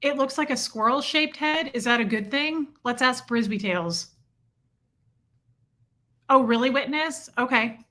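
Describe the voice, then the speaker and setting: A bright, chatty woman hosts a casual livestream from a home room with a heater, reading live chat and reacting to viewer comments. Her voice is high and a little slow, with long pauses.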